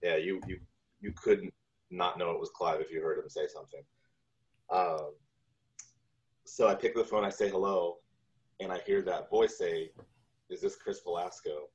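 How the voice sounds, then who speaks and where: A video game composer in his forties chats casually as an interview guest on a video call from a room at home, telling stories from his work. His deep voice is fairly even in intonation at a normal speed, with long pauses, and the call audio is dull and lo-fi.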